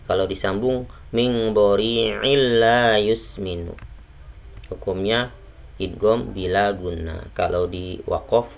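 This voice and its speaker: Male tajwid teacher, low gravelly voice, slow deliberate pace, patient and corrective. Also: a little mellow, a little hiss or hum. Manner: slow, patient explaining, corrects common mistakes. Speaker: Quran recitation teacher. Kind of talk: tajwid lesson with recited examples.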